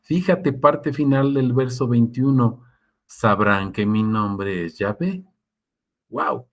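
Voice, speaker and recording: A man's voice: mid-range voice, slow pace. Conversational preacher man. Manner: conversational, asks listeners often, acts out quotes. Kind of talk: sermon with live Q&A.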